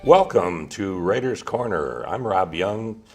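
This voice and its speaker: A man's voice: low voice, lively intonation, takes it slowly, music in the background. A man hosting a television interview with writers, talking with frequent hesitations and fillers. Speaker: guest host. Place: Minnesota.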